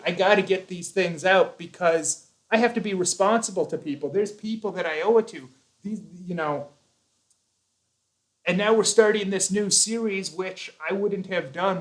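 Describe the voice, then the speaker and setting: An American YouTube host runs a live chat, talking earnestly and at length with frequent restarts. His male voice is on the high side, and the audio is poor.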